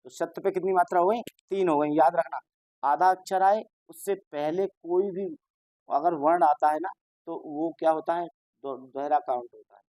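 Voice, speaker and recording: A man's voice: a little high, steady tone, moderate pace, a little mellow, no echo. Male teacher for an exam-prep lesson: patient, explanatory, keeps repeating reminders and answers his own questions, dry recording.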